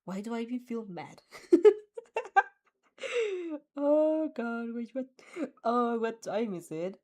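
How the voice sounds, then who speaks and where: A young woman streamer reads fanfiction aloud and chats casually with viewers, giggly, rambling, and easily flustered as she reacts. Her voice is fairly high with lively intonation and a darkish tone, and she speaks slowly.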